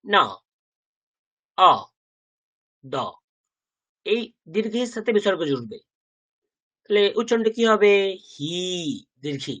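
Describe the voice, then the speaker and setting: A man teaching a Sanskrit class. He asks the learners questions, then says each pronunciation slowly and repeats it several times. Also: high-pitched, animated, bright, forceful tone. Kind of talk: language class lesson.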